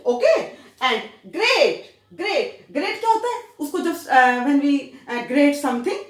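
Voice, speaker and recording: A woman's voice: high voice, animated, drawn-out words, echoey room. A woman teacher with an Indian accent explaining English words, spelling them out letter by letter and switching between Hindi and English. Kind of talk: grammar lesson in Hindi and English.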